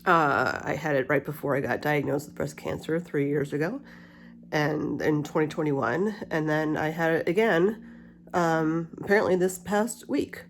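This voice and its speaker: Speaking at a moderate pace in a deep voice, this middle-aged vlogger chats in a candid, rambling way, a retainer lending her a slight lisp. A cool mist humidifier hisses steadily behind her, along with faint, soft spa music.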